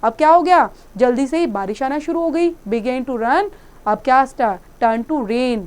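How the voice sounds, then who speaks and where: A woman's voice: sits high, expressive, smooth. A woman teacher reading an English story aloud and explaining it line by line in Hindi to pupils. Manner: reads English slowly, then explains in Hindi.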